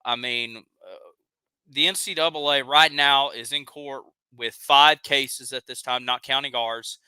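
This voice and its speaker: A man's voice: medium pitch, steady tone, unhurried, pushed and bright, smooth, dry recording. A man with a Southern accent hosting a live stream, ranting heatedly and reading chat comments aloud. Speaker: live show host.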